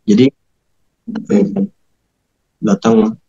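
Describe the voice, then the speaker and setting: A man telling his conversion story in an interview, animated, acting out quoted dialogue in a raised voice. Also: drawn-out words, muffled recording. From Medan, North Sumatra.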